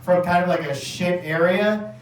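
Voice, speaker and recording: A man's voice: high voice, moderate pace. A man doing a nervous stand-up set in a small comedy bar, rambling and cursing with lots of fillers. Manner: rambling, profane, filler-heavy. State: nervous and sweaty. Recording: echoey club room from far off. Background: audience noise and laughter.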